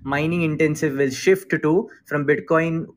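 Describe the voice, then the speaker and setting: His voice is a little high and his tone steady as he moves at a measured pace, with slight background noise behind him. He is a relaxed, Indian-accented man running an online group call on crypto investing, chatting informally and dropping Hindi phrases into English.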